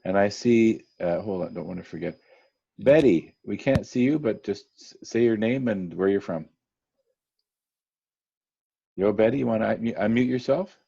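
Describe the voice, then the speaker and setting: A man's voice: on the low side, fairly quick, creaky, mellow, husky, lo-fi sound. A man emceeing a virtual dinner over a video call, chatty, calling on guests by name. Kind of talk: casual virtual meeting hosting.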